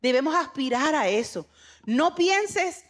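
A woman's voice: high-pitched, animated, slow pace. An older woman pastor with a Puerto Rican accent, giving a conversational sermon that mixes family stories with emphatic exhortation. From Puerto Rico. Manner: conversational preaching with retold family anecdotes, rising to emphatic exhortation. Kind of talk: sermon to a women's meeting.

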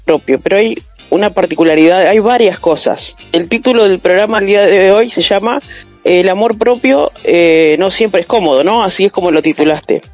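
A woman's voice: mid-range voice, moderate pace, faint music behind. A woman with a Rioplatense Spanish accent, talking reflectively and telling stories in a casual panel chat. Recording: dull lo-fi sound.

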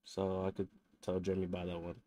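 A man's voice: low voice, monotone, a little fast, dark tone, no room sound. A young man in casual chat among friends as a podcast co-host, speaking in a laid-back, slangy way.

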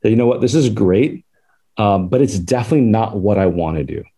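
A man's voice: on the low side, expressive, a little fast, warm tone, slightly rough. A man in his forties from Southern California, a podcast guest telling his life story in a chatty, rambling way that is full of laughs. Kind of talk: casual life-story interview.

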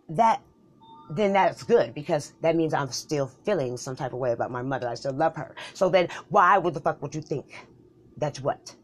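A woman with a deep, low-pitched voice tears through a comic argument. She bickers back and forth, swearing freely and firing off quick retorts. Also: husky.

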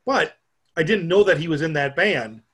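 A middle-aged man from Minnesota, talking in a fairly high voice. He rambles in easygoing podcast chat and pokes fun at himself. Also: lively intonation, moderate pace, a bit bright, slightly rough. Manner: rambling, joking, self-mocking. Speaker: podcast co-host. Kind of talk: casual chat.

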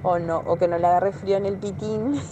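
A woman's voice: medium pitch, fairly even intonation, a little fast, lo-fi sound. Young Argentine woman on a noisy line. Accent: Argentine Spanish. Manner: chatty, giggling storyteller. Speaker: caller. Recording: noisy line with traffic behind.

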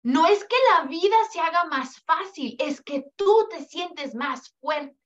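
High-voiced woman coaching mothers. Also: animated, takes it slowly. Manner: preachy, rhetorical questions, acts out quoted lines. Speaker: podcast host and parenting coach. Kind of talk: motivational monologue. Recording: dull lo-fi podcast audio.

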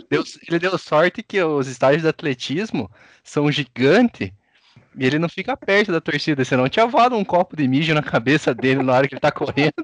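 A man with a Brazilian accent, co-hosting a casual podcast chat, animated and full of slang and jokes. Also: a little high, no room sound.

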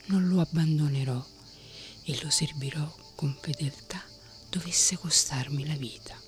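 A woman's voice: low-pitched, measured pace, soft background music. A woman voicing a steadfast, loyal male servant in a whispered role-play. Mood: earnest. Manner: soft, earnest whispering.

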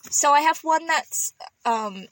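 A woman's voice: sits high, expressive, slow pace, fairly bright tone, rough recording. A young woman with a London accent who says th as f and clips her words together in casual podcast chat. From London, England. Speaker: podcast co-host.

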